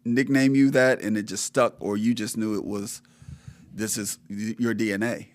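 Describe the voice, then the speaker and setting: A man hosting an interview podcast, speaking in a measured way with frequent fillers. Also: on the low side, fairly even intonation. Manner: measured, reads through a list with many fillers. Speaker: podcast host. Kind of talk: casual interview.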